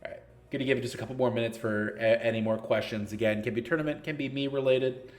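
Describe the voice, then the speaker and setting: A man's voice: medium pitch, steady tone, quick pace, faint music behind. A man in his thirties hosting a casual live-stream Q&A for a gaming league, answering chat questions in a blunt, joking, sarcastic way. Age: 30s.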